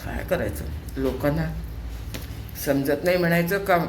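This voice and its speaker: A woman's voice: low-pitched, a little slow, a little mellow, reverberant, slight background noise. An older woman, host of a home vlog, chatting casually while cooking, asking rhetorical questions and scolding in a homely way. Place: home kitchen.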